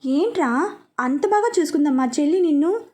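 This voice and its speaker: A woman's voice: high voice, lively intonation, normal speed, a little mellow. A woman voicing a playful young man who teases his friend. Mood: teasing. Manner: teasing, jokey.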